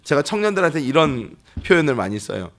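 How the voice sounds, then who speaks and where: A pastor preaching a sermon in a church, telling stories with lively, acted-out voices. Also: male voice, on the high side, quick pace. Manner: lively storytelling that acts out quoted people. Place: church sanctuary.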